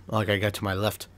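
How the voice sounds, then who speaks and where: A creaky, lowish male voice with no echo belongs to a young gaming creator with a Boston accent. Commenting casually on his play, he curses and laughs frequently, stays excitable, and yelps at sudden surprises.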